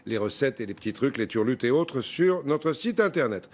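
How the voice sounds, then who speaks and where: A man anchoring a TV news programme, introducing reports in a relaxed, amused tone. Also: medium pitch, normal speed. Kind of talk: news presenting.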